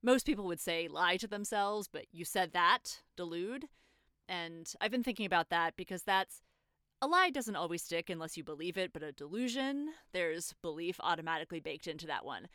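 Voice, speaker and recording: A young woman acting a guilt-ridden former soldier who confesses by phone, talking haltingly, swearing, and sliding toward panic. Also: on the low side, animated, a bit bright, clean tone, no room sound, studio quality. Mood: reflective. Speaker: caller confessing to a priest. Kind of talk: audio drama acting.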